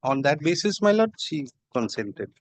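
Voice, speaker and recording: A dry-sounding recording of an Indian-accented man arguing as counsel. His voice sits somewhat high, and he addresses the bench with hesitant deference. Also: sing-song, moderate pace, dry recording. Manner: deferential, hesitant, repeatedly saying my lord. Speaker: lawyer addressing a judge. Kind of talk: courtroom submissions. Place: courtroom.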